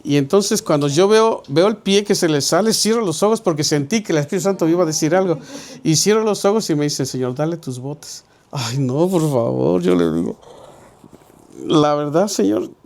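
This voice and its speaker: Pastor, middle-aged, slightly high-pitched man, conversational preaching with acted-out dialogue. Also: lively intonation, moderate pace, gravelly, a little mellow. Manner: conversational, acts out dialogue in his stories. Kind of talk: Bible study sermon with storytelling.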